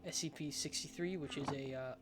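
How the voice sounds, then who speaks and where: A man's voice: on the high side, steady tone, brisk, very noisy. A man with a lisp giving casual, rambling game showcase commentary, often hesitant and unsure of himself. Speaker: gaming video host.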